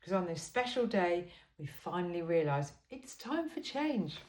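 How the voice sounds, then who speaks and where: In a roomy, echoey recording, a woman with a fairly low, darkish voice reads a humorous self-help book aloud, her pitch swinging widely at a slightly slow pace. Her wry, emphatic delivery stays conversational, with chatty asides along the way.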